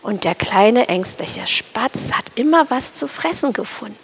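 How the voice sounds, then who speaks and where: A woman tells a children's story, turning often to her young listeners with questions. Her voice is high with a gravelly, creaky texture, friendly and unhurried in the way of a storyteller. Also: animated, fairly bright tone.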